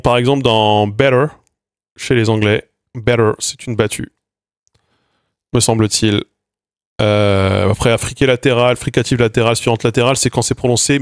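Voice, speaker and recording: A man's voice: medium pitch, no echo, studio quality. A man giving a casual phonetics lesson on stream, hesitant with many fillers and restarts, sounding out consonants as he explains them. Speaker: linguistics streamer.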